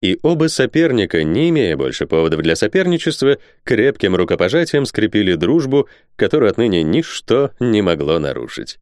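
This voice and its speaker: A man reading a novel aloud as an audiobook narrator, with expressive delivery. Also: on the low side, a little fast, few pauses, clear, resonant tone, no echo, clean studio sound. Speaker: audiobook reader. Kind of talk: scripted narration.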